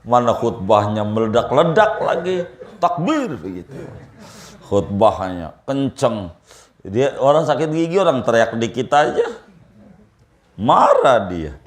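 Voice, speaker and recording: A man's voice: medium pitch, big pitch swings, a little slow. A man giving a humorous, folksy religious lecture, mixing in Arabic quotations. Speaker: Islamic preacher. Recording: echoey room.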